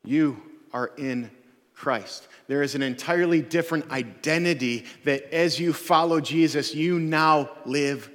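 A man's voice: on the high side, unhurried, fairly bright tone, long reverb tail. A man preaching a sermon as a pastor, earnest and conversational, often repeating words and restarting his phrases.

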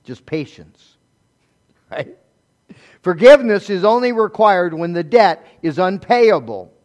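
Male pastor, sermon, slightly high voice, rhetorical questions, loud then quiet. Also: expressive, slow. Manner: conversational preaching, frequent rhetorical questions; swings between loud emphasis and soft low asides.

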